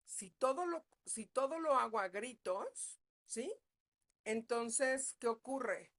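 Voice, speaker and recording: A woman leads a parenting class as a psychologist. She talks in a relaxed, conversational way and keeps checking in with her listeners. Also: on the high side, slow. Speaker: psychologist leading a parenting talk. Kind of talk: live online parenting class.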